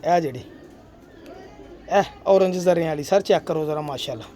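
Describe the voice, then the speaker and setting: Man, high voice, chatty loft tour, pigeons cooing, faint noise. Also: steady tone, moderate pace, warm tone. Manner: chatty, showing off birds, frequent religious blessings. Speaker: pigeon keeper and channel host.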